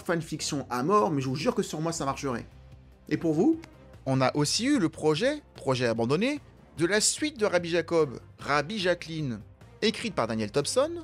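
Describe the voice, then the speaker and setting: A man's voice: fairly high pitch, big pitch swings, normal speed, faint music behind. A man hosting an enthusiastic, chatty, opinionated film commentary. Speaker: film video host.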